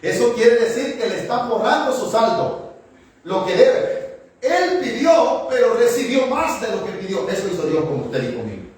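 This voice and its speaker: A man's voice: very high voice, big pitch swings, moderate pace, darkish tone. A man preaching a sermon, often asking the congregation questions. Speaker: pastor. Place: church. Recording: echoey room from far off.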